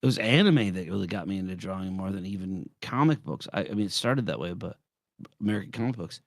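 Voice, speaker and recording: A man's voice: deep voice, lively intonation, fast, vocal fry, no room sound, studio quality. A man in his forties, trading blunt, profane jokes in a casual live-stream chat. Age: 40s. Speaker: streamer co-host.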